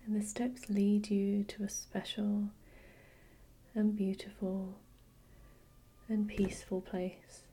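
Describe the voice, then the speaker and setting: A woman whispering a slow, soothing guided relaxation with gentle repetition. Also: medium pitch, completely flat delivery, breathy edge. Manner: soft unvoiced whisper. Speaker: hypnosis guide.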